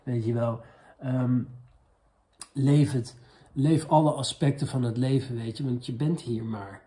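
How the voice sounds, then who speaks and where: A man's voice: mid-range voice, a little slow, mellow. A man hosting a comedic question-and-answer talk, casual and rambling with many fillers, in a mock-spiritual tone. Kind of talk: casual deadpan parody monologue.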